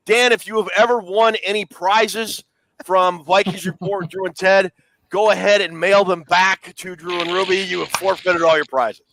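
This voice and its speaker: A man's voice: high voice, steady tone, moderate pace, pushed and bright, slight background noise. A man co-hosting a casual sports talk show, leading the discussion and teasing his co-hosts with questions. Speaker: podcast co-host.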